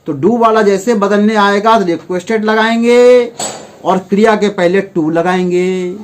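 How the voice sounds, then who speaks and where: Slow-spoken high-voiced Indian man teaching. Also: a little hiss or hum. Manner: explains step by step, keeps asking the class questions; acts out little example dialogues. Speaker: English teacher. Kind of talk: grammar lesson.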